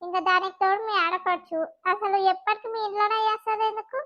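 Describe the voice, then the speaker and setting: A woman's voice: extremely high pitch, steady tone, quick pace, muffled recording. A woman voicing a worried middle-aged village mother with a Telangana accent, fussing over her married daughter. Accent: Telangana Telugu. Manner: fretful, fussing.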